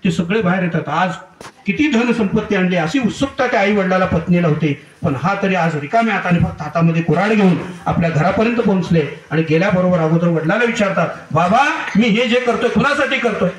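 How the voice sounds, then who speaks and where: A man's voice: high-pitched, fast talker, slight background noise. A man narrating a devotional story earnestly and dramatically at a community gathering. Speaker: religious storyteller. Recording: echoey room heard from far off.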